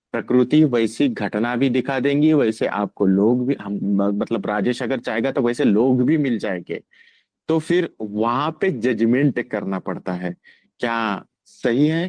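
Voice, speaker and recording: Calm halting man giving a spiritual talk. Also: mid-range voice, dry recording. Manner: calm, halting, mixes English words into speech. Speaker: spiritual teacher.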